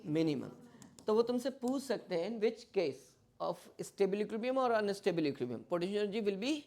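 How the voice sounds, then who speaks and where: Male physics teacher, classroom lecture, fires quick questions at the class, code-switches into English. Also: sits high. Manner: keeps quizzing students with quick questions; mixes English terms into Hindi explanation.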